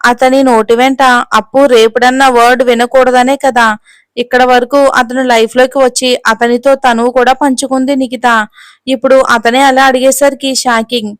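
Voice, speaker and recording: A woman narrating a romance serial in a steady reading voice. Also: sits high, moderate pace, no room sound. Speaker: storyteller. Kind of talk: scripted narration.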